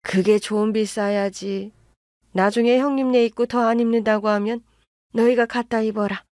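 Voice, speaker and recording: A woman voices a self-justifying older mother-in-law who brushes off complaints and favors her elder son, in a dismissive mood, for a storybook radio drama. Her voice is a little high yet darkish, with fairly even intonation at normal speed, close to an everyday voice. The recording is studio quality with no echo.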